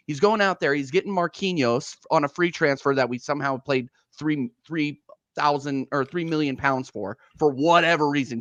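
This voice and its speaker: A man's voice: mid-range voice, fairly bright tone, no echo, muffled recording. A man venting as a guest in a fan debate, blunt and sarcastic about his team. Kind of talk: heated football fan debate.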